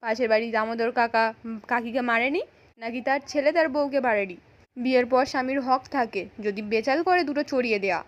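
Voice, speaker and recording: A woman's voice: a little high, fairly quick, highs cut off, lightly acted. A woman voicing an angry, sneering village husband as she retells a serial episode. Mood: scornful. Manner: angry, sneering retold lines. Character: hot-tempered abusive village husband.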